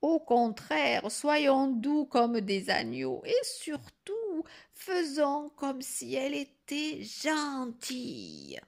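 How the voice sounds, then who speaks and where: A woman reading a storybook aloud, voicing a sly, gentle grandmother with a small, quavering old voice. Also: sits high, wildly swooping pitch, drawn-out words, vocal fry, few pauses, voice pushed up, exaggerated voice. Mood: sly sweet.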